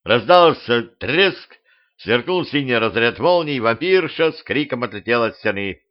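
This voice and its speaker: Expressive male narrator for a homemade comic audiobook, slightly dull lo-fi sound. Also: medium pitch, measured pace. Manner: lively, expressive reading. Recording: dull lo-fi home recording.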